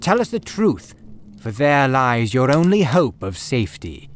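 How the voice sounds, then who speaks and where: A man voicing a calm, sharp-witted male detective who speaks in a measured, dry and commanding way. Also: mid-range voice, slight background noise.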